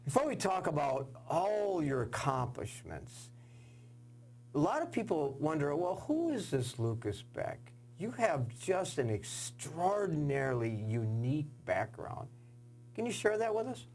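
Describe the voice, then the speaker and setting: A man hosting a TV sports interview, asking earnest questions with halting fillers. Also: fairly high pitch, big pitch swings, creaky, darkish tone, slight background noise. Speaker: sports show host.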